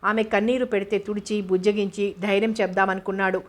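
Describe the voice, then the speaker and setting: A woman narrates a novel in a measured reading voice. Her pitch barely moves, keeping the narration level and steady. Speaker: audiobook narrator.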